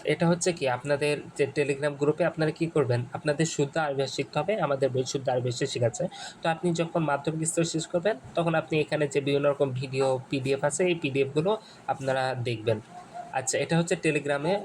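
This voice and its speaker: A man from Bangladesh guiding viewers step by step through a phone screen, talking in a halting way with many restarts and repeated phrases. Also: fairly high pitch, steady tone, a little hiss or hum, low-quality recording. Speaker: Arabic course instructor. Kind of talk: screen-share tutorial walkthrough.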